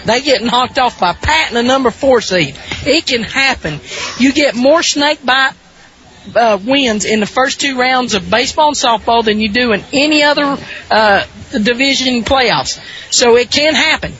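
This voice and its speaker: A woman with a Southern American accent and a weak voice, giving folksy, conversational pregame softball commentary as a sports broadcaster. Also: on the high side, normal speed. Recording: dull lo-fi radio broadcast sound.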